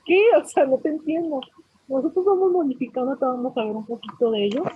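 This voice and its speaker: A woman's voice: high voice, animated, quick pace, phone-quality sound, a little hiss or hum. A woman teacher with a Mexican accent, lecturing a class and often checking that her students follow. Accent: Mexican Spanish. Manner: explanatory, asks students frequent check-in questions.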